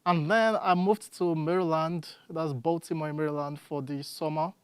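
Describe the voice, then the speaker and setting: Nigerian-accented student, chatty storyteller, crisp and dry. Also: medium pitch, fairly even intonation, moderate pace, dry recording. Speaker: student guest. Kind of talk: casual interview answers.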